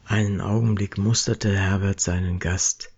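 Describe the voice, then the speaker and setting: A man narrating a story with steady, measured reading. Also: low-pitched, slightly rough, highs cut off.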